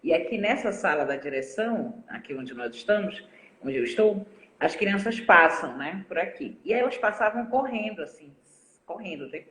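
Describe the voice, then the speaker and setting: A school staff member hosting a live talk from the director's office, telling stories with many pauses and "né". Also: mid-range voice, lively intonation, a bit bright. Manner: halting, with many 'né' fillers. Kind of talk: anecdotal chat in a live talk. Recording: roomy echo of an office.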